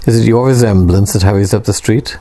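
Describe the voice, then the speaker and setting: A man's voice: lowish voice, brisk, dark tone, natural voice. A man voicing an anxious young woman who stumbles over her words in a storybook reading. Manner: hesitant, stumbling.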